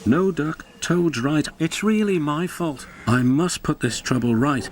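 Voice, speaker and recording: Guy doing an earnest sorry little train engine, bit higher than his own voice, bouncy. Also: sing-song, normal speed, slight background noise. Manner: earnest, polite. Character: earnest young male tank engine, apologetic.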